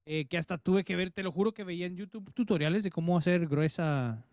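A man's voice: high-pitched, a little fast, a little mellow, no room sound, studio quality. A man with a Mexican accent and a nasal voice, co-hosting a casual podcast, joking and laughing often. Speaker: podcast co-host.

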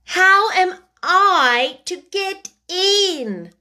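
A woman voicing a polite, anxious young girl in a storybook reading, lifting her voice high and earnest. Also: sing-song, takes it slowly, exaggerated voice. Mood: fretful. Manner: earnest, rising to alarm.

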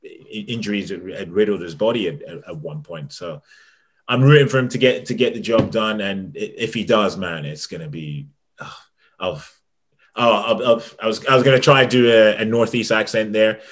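A young man on a casual podcast, talking about fights in an excitable way and stumbling over repeated words. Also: on the low side, moderate pace. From England. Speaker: MMA journalist and podcast panelist.

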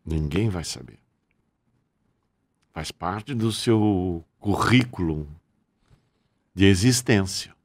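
Older guy on a podcast, low voice, swings up and down a lot, totally blunt and crude. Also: lively intonation, slow, long pauses. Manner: frank and bawdy, says "bicho" a lot. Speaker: guest, actor. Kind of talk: candid podcast chat.

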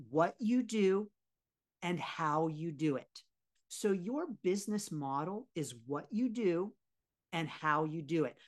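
Low-voiced woman coaching a workshop. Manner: encouraging, asks the audience to drop answers in the chat; repeats key phrases, affirming "yes" often. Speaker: Reiki business coach. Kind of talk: live workshop teaching.

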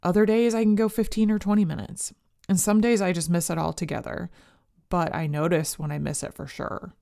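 Female podcast host, lowish and soft-edged, calm, measured delivery suited to talk and guided meditation. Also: gravelly.

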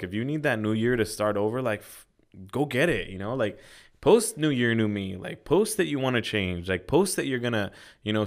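A man in casual podcast chat, emphatic and full of "like", with some swearing. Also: lowish voice. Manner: emphatic, frequent filler "like", occasional swearing. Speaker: podcast co-host.

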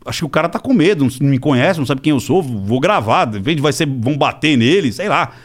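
A middle-aged man with a Brazilian accent tells a story as a podcast guest. His voice sits high and swings widely in pitch. He acts out the people he quotes and swears freely. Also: animated, fast. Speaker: podcast guest, body-language specialist. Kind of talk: casual storytelling.

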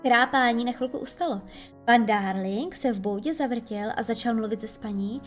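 A woman reads a children's audiobook in a gentle, storytelling way. Her voice sits fairly high, and soft music plays faintly underneath. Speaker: narrator.

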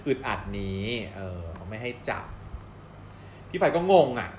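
Animated man recapping a show, roomy sound. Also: fairly low pitch, a little slow, slight background noise. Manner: animated storyteller, acts out quoted dialogue and laughs often. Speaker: co-host reviewing a drama series. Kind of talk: casual chat recap. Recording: roomy with faint background ambience.

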